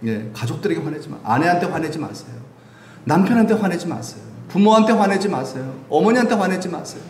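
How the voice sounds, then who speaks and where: A middle-aged man preaches a lively sermon, his pitch rising and falling with animation. He jokes and keeps asking the congregation questions. The sound is roomy and echoey, with faint ambience behind it. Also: fast talker, slight background noise. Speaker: pastor. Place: church sanctuary.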